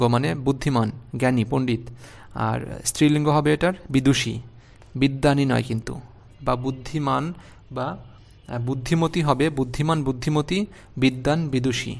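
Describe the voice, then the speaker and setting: A man's voice: mid-range voice, creaky. A man teaching an online spelling lesson, patient, repeating each word and checking with the class as he goes.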